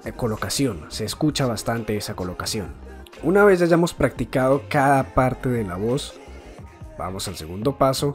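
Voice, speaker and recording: Male voice-imitation teacher, calm explanatory delivery, mid pitch, light music bed. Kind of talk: spoken tutorial.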